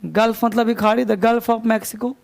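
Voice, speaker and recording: High, gravelly male teacher dictating slowly. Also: fairly even intonation. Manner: slow spelling out words letter by letter. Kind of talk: classroom dictation lesson. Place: classroom.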